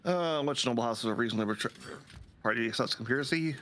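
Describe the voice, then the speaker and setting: A man's voice: medium pitch, fast, fairly bright tone, slight background noise. A man playing a story game on a shared stream, reading dialogue aloud and chatting casually, sometimes stumbling over words.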